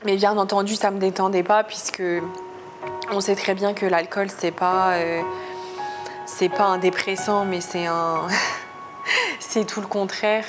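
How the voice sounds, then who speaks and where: A woman's voice: mid-range voice, little pitch movement, moderate pace. A woman from France giving a personal testimony in a confessional storytelling style, hesitant and searching for her words. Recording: music behind the voice. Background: clearly audible music.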